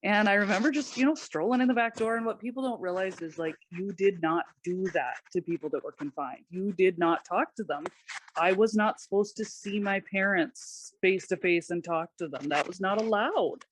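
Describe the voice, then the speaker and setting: Halting, soft-spoken woman guest. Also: medium pitch, slight background noise. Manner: halting, soft-spoken, many pauses and restarts. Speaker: podcast guest. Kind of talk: personal testimony in conversation.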